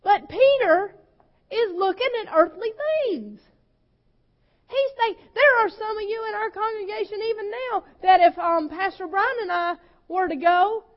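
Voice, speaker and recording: Woman pastor, very high voice, slow deliberate sermon, voice breaks with feeling. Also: muffled recording. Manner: impassioned, voice breaking with emotion at times, swings loud and soft.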